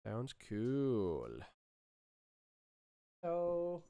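A mellow, clean, mid-range voice with a sing-song lilt and drawn-out words belongs to a thirty-something sound designer livestreaming his work. He mutters casual, laid-back commentary into a close studio microphone in a small indoor room, with no echo.

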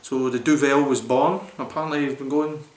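A man in his forties reviews a beer to camera in a small room, rambling enthusiastically and using lots of fillers. His mid-range voice is fairly even in intonation and a little fast, captured in a roomy, echoey home recording.

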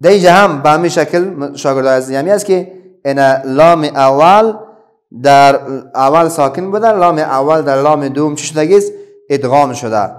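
Patiently questioning and then answering himself, a middle-aged man runs a children's reading lesson in an Afghan Dari accent. His voice leans to the high side.

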